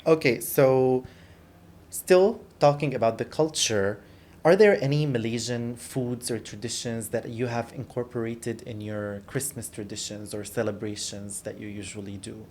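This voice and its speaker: A man hosting a podcast, putting friendly questions to a guest in a relaxed interview. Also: mid-range voice, normal speed. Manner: friendly, question-led, occasional restarts. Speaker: podcast host. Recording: faint background noise in a studio.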